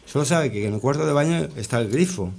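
Gravelly, rambling man telling stories. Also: mid-range voice, lively intonation, a little mellow, slight background noise. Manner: rambling, halting, with many restarts and tag questions. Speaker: interviewee. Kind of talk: casual storytelling.

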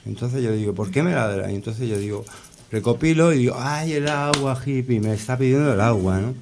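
Gravelly, rambling man telling stories. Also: mid-range voice, a little mellow, a little hiss or hum. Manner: rambling, halting, with many restarts and tag questions. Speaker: interviewee. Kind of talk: casual storytelling.

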